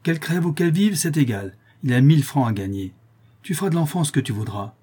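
A man's voice: on the high side, animated, fast, dark tone, slightly rough, pitched above the performer's own voice. Man voicing a wheedling crooked old woman. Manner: coarse, wheedling slang-laden talk. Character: scheming greedy old woman, crooked go-between.

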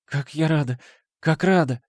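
A man's voice: on the high side, measured pace, darkish tone, no room sound, studio quality, pitched above the performer's own voice, natural voice. A man voicing a grieving middle-aged mother who pleads with her son. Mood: tender. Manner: pleading, emotional.

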